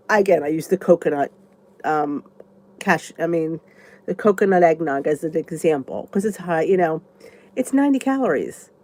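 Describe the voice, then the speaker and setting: The vlogger's mid-range voice has a warm tone, though her nose is stuffy. Rambling and chatty, she thinks aloud while working through viewer comments in a casual live chat.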